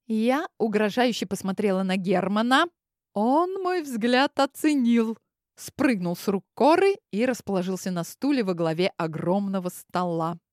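Woman reading a story in first person, expressive, medium pitch, really dry close sound. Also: measured pace, no echo. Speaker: audiobook narrator.

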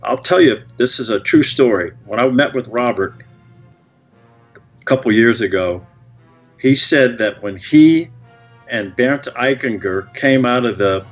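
A man guesting on a podcast, telling stories in an animated way and swearing freely. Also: mid-range voice, a little slow, lo-fi sound, faint music behind. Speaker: film director guest. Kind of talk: podcast interview.

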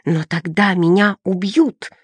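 A woman voicing a crazed, shaggy-haired female prisoner, slightly hoarse, breaking into shrill, excited outbursts in a storybook reading. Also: measured pace, no room sound. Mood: desperate.

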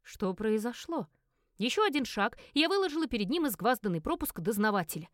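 Woman narrator for a first-person audiobook: animated, fairly high, dry close sound. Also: fast talker, dry recording. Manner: expressive, lively storytelling.

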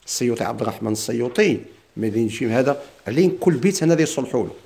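A man with a Moroccan Arabic accent, teaching Quranic readings in a classroom lesson and chanting verses slowly. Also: mid-range voice, expressive, creaky, darkish tone. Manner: explains in dialect, chants quoted verses slowly.

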